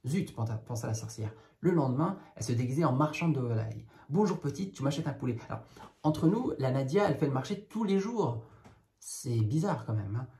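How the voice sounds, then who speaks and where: A man's voice: mid-range voice, expressive, a little fast, dark tone. A man reading a children's tale aloud, breaking off now and then for casual, wry commentary. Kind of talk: read-aloud with jokey spoken asides.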